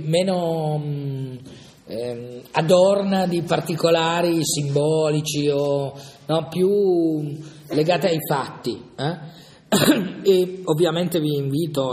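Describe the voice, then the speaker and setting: A man's voice: medium pitch, darkish tone. A man leading an informal Bible lesson, thinking aloud and often checking in with a questioning "no?". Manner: hesitant, thinking aloud, frequent "no?" asides. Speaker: Bible study leader. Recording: long reverb in a hall.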